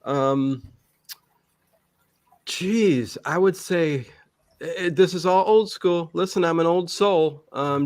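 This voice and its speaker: As an interview guest, a man chats casually, rambling and halting, frequently backtracking, repeating himself and throwing in emphatic interjections. His voice is medium-pitched, with no echo.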